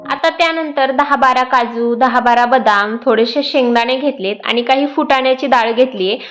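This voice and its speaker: High-voiced young woman explaining a recipe. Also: normal speed, fairly bright tone. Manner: sing-song baby talk to her child; plain step-by-step recipe explanation. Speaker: vlogger mother. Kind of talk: home cooking vlog.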